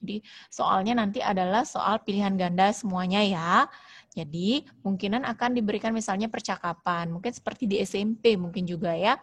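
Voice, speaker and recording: Indonesian woman teaching English online. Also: mid-range voice. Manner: explains at length, repeating and modelling phrases slowly. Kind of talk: online class lesson, mixing Indonesian and English. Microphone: video call.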